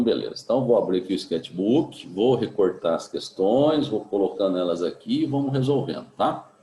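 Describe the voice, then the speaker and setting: Deep-voiced man teaching a remote class. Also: reverberant, slight background noise, low-quality recording. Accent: Brazilian Portuguese. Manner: relaxed, chatty, asks many tag questions. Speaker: physics teacher. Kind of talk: remote class, casual chat.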